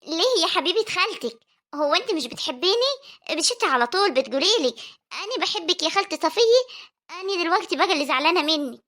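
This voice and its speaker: Egyptian auntie voice, playful and teasing, very high and bright done by a performer. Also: lively intonation, fast, heavily acted. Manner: cheerful, teasing, coaxing. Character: playful doting village aunt. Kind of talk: homemade family drama voice acting.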